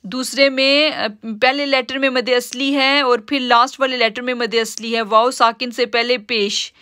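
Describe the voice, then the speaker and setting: High, bright-voiced woman teaching recitation. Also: steady tone, no room sound, clean studio sound. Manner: patient, step-by-step explaining, drawn-out slow recitation of words. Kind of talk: live-streamed tajweed lesson.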